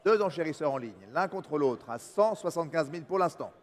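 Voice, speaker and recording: A man's voice: on the high side, expressive, fast. A man announcing lots and calling bids formally as an auctioneer in a saleroom. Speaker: French-language co-auctioneer. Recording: reverberant large hall.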